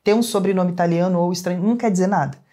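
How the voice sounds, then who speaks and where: Very fast and mellow, his high-pitched voice carries a Brazilian accent. The young man is a guest in a relaxed interview, sincerely telling a story from his own life.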